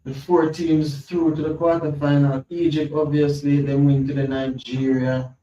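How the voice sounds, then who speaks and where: Here the same sort of football podcast host sounds a little high but dark-toned, keeping a level delivery at a moderate pace. He muses out loud, says things twice, and reads from his screen, all captured in a roomy, lo-fi recording from a distant mic with faint hum.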